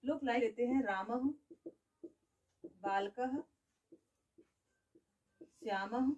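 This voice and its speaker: High-voiced woman teaching a grammar lesson. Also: drawn-out words, a little mellow, distant mic, dull audio. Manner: asks the class questions and answers them herself; says "okay" often.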